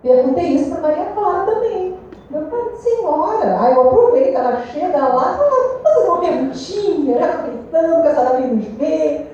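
A woman with a Brazilian Portuguese accent giving a lively spiritual talk to a meeting group, questioning her listeners. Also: high voice, fairly quick, slight background noise. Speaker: speaker at a spiritist study meeting. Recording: echoey room, distant dull mic.

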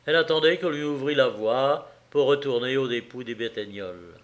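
A man narrating a classic novel as an audiobook, with a measured, expressive delivery. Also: medium pitch, dull audio. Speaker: audiobook reader.

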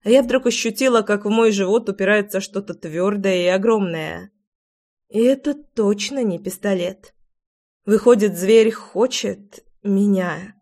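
A woman narrating a first-person audiobook with an expressive, dramatic reading. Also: medium pitch, unhurried.

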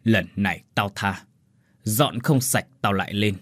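Man voicing a hoarse commanding ghost, husky, low and dry, storybook. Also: unhurried, a bit bright, no echo. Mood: menacing. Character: raspy ghost possessing a young man, menacing.

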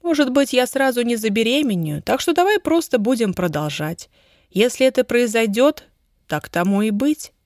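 A woman voicing a playful young wife in a raised, lively, teasing tone. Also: on the high side, moderate pace, no echo, studio quality, pitched above the performer's own voice.

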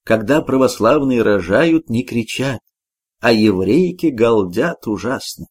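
A man's voice: medium pitch, lively intonation, a little slow, a little mellow, slightly rough, no echo, clean studio sound. A man voicing a big, opinionated man holding forth at a church meal. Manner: self-assured, holding forth.

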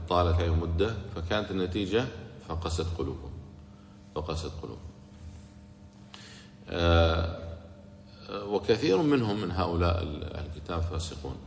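A man giving a religious lesson on Quran commentary, speaking in a measured, hesitant way with drawn-out fillers and breaking into rhythmic recitation of verses. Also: low voice, creaky. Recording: echoey hall with faint hum.

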